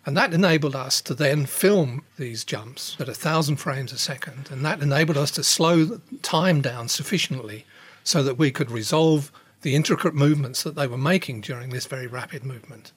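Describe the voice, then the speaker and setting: A man giving measured expert explanations as an interviewed scientist. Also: mid-range voice, breathy edge, no room sound.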